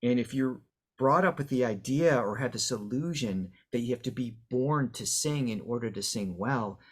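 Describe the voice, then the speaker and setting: A man's voice: mid-range voice, moderate pace, slightly rough. A man, a voice coach and guest on an interview podcast, explaining how speech and singing work through examples, with the odd filler.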